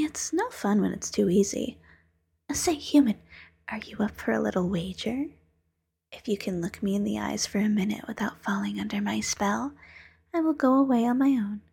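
A woman voicing a playful, teasing female demon who hypnotizes, in a soft-spoken, coaxing, whispery ASMR roleplay manner. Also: a little high, heavily acted. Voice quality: whispery, breathy.

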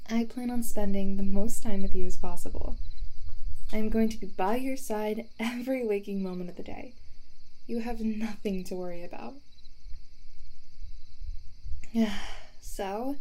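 A young woman voicing a playful camping companion who talks straight to the listener. She teases, giggles, and drops into a hushed voice to tell a ghost story. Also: mid-range voice, natural voice. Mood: reassuring. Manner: teasing, breaks into giggles. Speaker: voice actor in a listener roleplay. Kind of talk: first-person audio roleplay addressed to the listener.

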